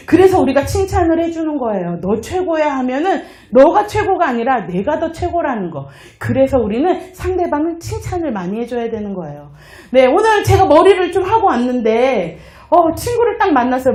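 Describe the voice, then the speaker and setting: A middle-aged woman giving a motivational lecture, telling stories, acting out dialogue and leading the audience in chants. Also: sits high. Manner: lively, leads audience in chants, acts out dialogue. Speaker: lecturer on happiness and communication. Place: lecture hall with live audience. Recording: echoey lecture room.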